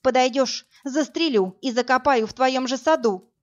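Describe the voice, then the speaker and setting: A woman voicing a defiant, sharp-tongued young woman who snaps back sarcastically. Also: high voice, moderate pace, voice pushed up, natural voice. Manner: sarcastic and snapping. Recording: dull lo-fi audiobook, faint music.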